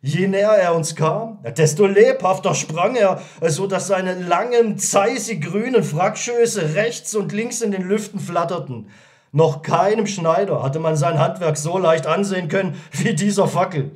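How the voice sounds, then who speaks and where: A man narrating a satirical story in an audiobook, telling it in a lively, expressive way. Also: sits high, measured pace. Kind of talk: scripted narration.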